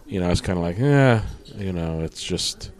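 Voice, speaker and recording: A man in a casual movie commentary, telling a memory in a halting way full of restarts. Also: deep voice, level tone. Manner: halting storyteller, many fillers and restarts. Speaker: podcast co-host.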